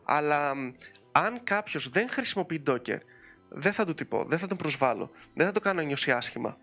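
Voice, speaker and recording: Male podcast host, higher-pitched, bright and forceful tone, chatty and animated, faint music underneath. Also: vocal fry, highs cut off. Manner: chatty and animated, with frequent fillers. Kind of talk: casual chat.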